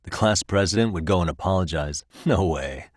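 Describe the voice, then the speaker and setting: An American-accented actor in his thirties voices an easygoing, wry private detective in casual video game dialogue, sounding curious and relaxed with dry humour. His voice sits low, at normal speed, in a dry recording.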